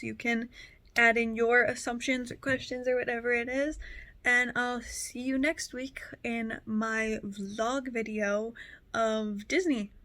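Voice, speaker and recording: Tired, mellow young woman vlogging. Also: on the high side. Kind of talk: casual vlog talk to camera.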